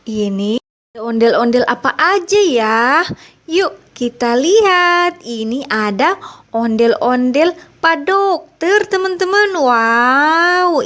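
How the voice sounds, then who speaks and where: A woman's voice: sits high, a bit bright. A woman narrating playfully for young children, exclaiming often like a kids' party magician and addressing her viewers as friends. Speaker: children's toy video host.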